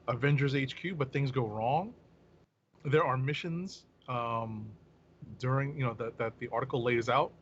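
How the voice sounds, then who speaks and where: A man's voice: mid-range voice, a little hiss or hum. A man co-hosting a podcast who reads out news with lots of fillers and hesitations. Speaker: podcast co-host. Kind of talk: casual news chat. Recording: slightly dull, lo-fi sound.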